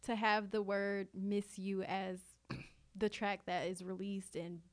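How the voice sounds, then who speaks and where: A woman co-hosting a podcast in casual chat, recounting things in a reflective, unhurried way. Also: mid-range voice, flat delivery. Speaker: podcast co-host.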